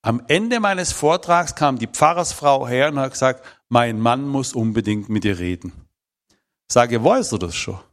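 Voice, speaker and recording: A man's voice: medium pitch, lively intonation, unhurried. A man, telling his personal testimony in an emphatic, emotional way. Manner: emphatic, emotional storytelling with shifting volume.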